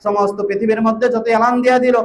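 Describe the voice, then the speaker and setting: A man preaching a storytelling sermon, chanting lines in a sing-song way and calling out loudly to the crowd. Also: high-pitched, flat delivery, fast, a little hiss or hum. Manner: chanting, sing-song delivery with loud exclamations. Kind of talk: Bengali waz sermon storytelling.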